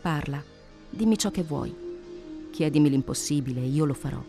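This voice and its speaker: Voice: medium pitch, lively intonation, normal speed, vocal fry, music in the background. A reader voicing a proud, passionate male pirate chief in a fervent, declaiming dramatic reading of an adventure novel. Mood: ardent.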